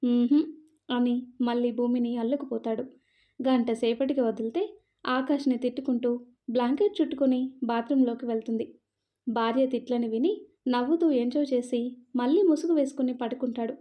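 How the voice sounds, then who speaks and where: A woman storyteller narrating a romance story in a calm, even manner on a slightly muffled recording. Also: fairly high pitch, brisk.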